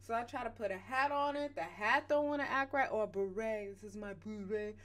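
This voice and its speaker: A woman's voice: a little high, brisk, a bit bright. A woman hosting a reaction vlog, chatting playfully and animatedly straight to her viewers. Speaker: reaction channel host.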